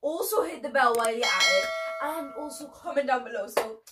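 A woman's voice: high-pitched, animated, fairly quick. A young adult woman with a British accent, playfully hosting a casual vlog challenge. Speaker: host of a challenge video. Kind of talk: casual vlog, calling out words. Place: small furnished room indoors. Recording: distant mic, clearly noisy.

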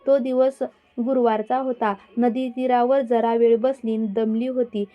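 A woman storyteller reading a devotional folk tale in a steady, even-paced way, in a dull lo-fi recording. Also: fairly high pitch, unhurried.

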